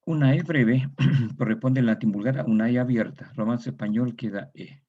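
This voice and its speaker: A man's voice: mid-range voice, moderate pace, lo-fi sound. A Chilean man giving a methodical lecture, repeating each example word and adding tag questions. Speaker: university lecturer. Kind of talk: recorded online lecture.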